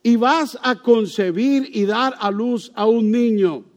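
A man's voice: very high voice, slow. A man voicing a reassuring angel messenger while preaching.

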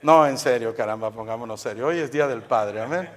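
A man's voice: medium pitch, fairly quick. A middle-aged man preaching a humorous sermon at a church service, telling jokes and quizzing the congregation. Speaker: pastor.

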